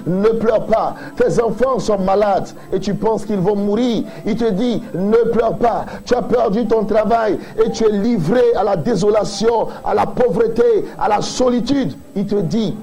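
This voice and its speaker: A pastor preaching a sermon, building emphatic repeated refrains and addressing the listener directly. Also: male voice, high-pitched, mellow, rough recording.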